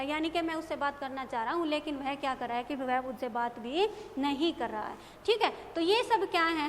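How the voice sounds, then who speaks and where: A woman teacher giving a grammar lesson to young pupils, often asking questions and answering them herself. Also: high voice. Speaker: school teacher. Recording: echoey classroom with long reverb, faint noise.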